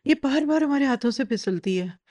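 A woman's voice: high-pitched, animated, brisk, a little mellow. A woman giving a religious lecture on a Quran chapter, asking her listeners rhetorical questions as she teaches.

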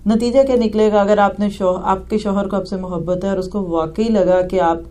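A woman's voice: medium pitch, steady tone, dark tone. A woman giving earnest family advice, talking straight to her listeners. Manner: earnest, advising, addresses listeners directly. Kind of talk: advice talk.

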